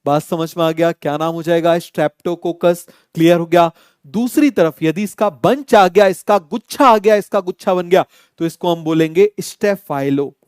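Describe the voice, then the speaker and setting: A man's voice: a little high, normal speed, darkish tone, clear, resonant tone, no room sound, clean studio sound. A young man teaching a biology lecture, quizzing his students with repeated call-and-answer questions and mixing in English terms with an Indian accent. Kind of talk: online exam-coaching lecture.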